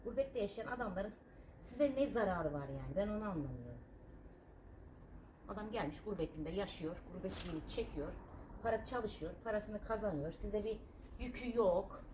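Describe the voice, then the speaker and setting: Casual vlogger, woman from Turkey, thirties, indignant banter in a noisy outdoor garden recording, mid pitch. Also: expressive, moderate pace. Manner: sharp-tongued and indignant, then chatty. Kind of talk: casual vlog chat while gardening.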